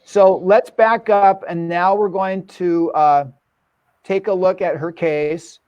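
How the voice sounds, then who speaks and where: A man's voice: sits high, steady tone, slow pace, darkish tone, clear, resonant tone, no echo, muffled recording. A man giving an enthusiastic online dental lecture, quizzing his audience with repeated questions.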